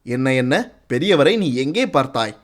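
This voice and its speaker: A man's voice: medium pitch, big pitch swings, unhurried. A man voicing a stern, proud middle-aged commander of a fortress, firing brusque, commanding questions in an audiobook story.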